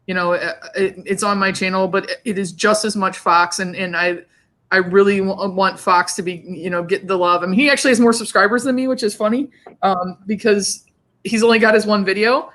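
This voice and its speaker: A woman's voice: mid-range voice, fairly even intonation, fairly quick, a bit bright. A woman hosting a casual livestream chat over a video call, talkative and often repeating words as she starts a thought. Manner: chatty, repeats words when starting sentences. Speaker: host.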